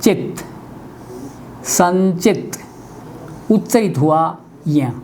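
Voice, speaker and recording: A man teaches a webinar lesson on pronunciation, calling out each letter as he writes it. He speaks at an unhurried, deliberate pace with a dark, mellow tone. A faint hiss sits under his voice. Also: high-pitched, expressive. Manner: spells out letters one by one while writing; deliberate, explanatory. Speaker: Hindi language teacher.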